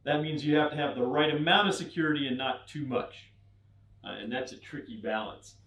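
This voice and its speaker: A man's voice: medium pitch, brisk, a bit bright. A middle-aged man giving a humorous technical talk to an audience, acting out mock dialogues with a wry touch. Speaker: conference speaker. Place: event room with an audience. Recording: echoey room, mic at a distance.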